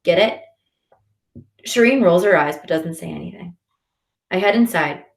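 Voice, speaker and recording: A woman narrating a first-person children's novel in an expressive reading voice. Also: on the low side, moderate pace, vocal fry. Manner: expressive, shifting into character voices. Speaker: audiobook narrator. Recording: roomy echo.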